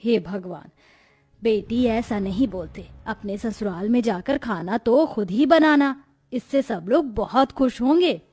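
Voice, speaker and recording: A woman voicing the worried mother of a young bride in a cartoon, gently scolding her daughter. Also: a little high, animated, a little slow, faint music behind.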